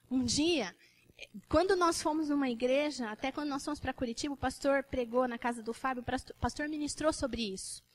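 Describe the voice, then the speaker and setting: Very high-voiced Brazilian woman preaching. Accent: Brazilian Portuguese. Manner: animated storytelling, repeating words for emphasis. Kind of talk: sermon.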